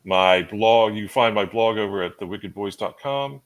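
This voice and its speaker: Low, gravelly, hesitant man. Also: moderate pace. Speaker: author on panel. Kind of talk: casual self-introduction.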